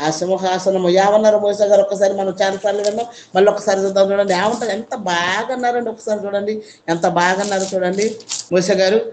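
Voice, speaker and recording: A woman's voice: mid-range voice, fairly even intonation, fast, a little mellow, slight background noise. Woman preacher with emphatic questions. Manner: emphatic, repetitive rhetorical questions. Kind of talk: sermon.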